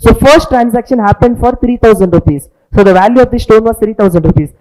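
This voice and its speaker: A man's voice: very high-pitched, quick pace, dark tone, low-quality recording. A man with a Tamil accent giving an informal, story-led lecture as a teacher, repeating points and checking understanding with tag questions.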